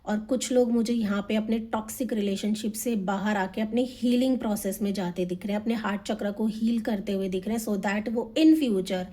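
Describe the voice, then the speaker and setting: A young woman giving a tarot reading, talking fast and energetically and mixing Hindi with English. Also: mid-range voice, mellow. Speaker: tarot reader. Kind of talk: monthly tarot reading to camera.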